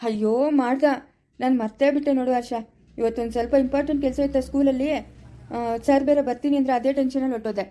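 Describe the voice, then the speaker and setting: A woman's voice: high-pitched, fairly even intonation, fast, warm tone, lightly acted. A woman voicing a kindly, fussy middle-aged uncle and father in a cartoon. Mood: fussing. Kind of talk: cartoon voice acting.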